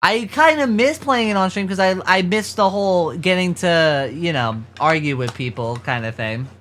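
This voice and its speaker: A streamer chatting casually on a livestream in an animated, sweary manner. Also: mid-range voice, moderate pace, slight background noise. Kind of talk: casual livestream chat and gaming commentary.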